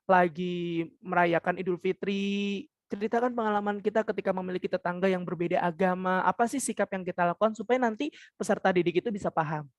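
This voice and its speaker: A young woman leads a public speaking webinar in a lively, teacherly manner, firing questions at her audience and singing scales to show intonation. Her voice sits at a medium pitch and is recorded dry and close, with no room sound. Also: no echo, highs cut off. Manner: animated, addresses listeners directly with questions. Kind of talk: webinar talk.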